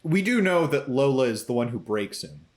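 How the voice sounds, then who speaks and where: A young man co-hosting a casual podcast chat, talking animatedly with quick asides and playful quoted voices. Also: mid-range voice, big pitch swings. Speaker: podcast co-host.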